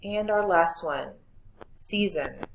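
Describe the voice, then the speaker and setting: Patient teacher, a woman with a lower voice, giving step-by-step instructions to children. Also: takes it slowly, a little hiss or hum, low-quality recording. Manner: clear, patient instructions to students. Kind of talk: recorded spelling lesson for children.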